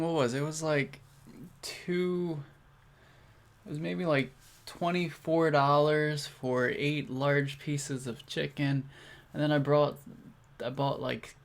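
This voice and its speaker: A young man chatting on a live stream, rambling with fillers and restarts, his mouth full as he eats. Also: fairly high pitch. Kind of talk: casual chat to a live stream.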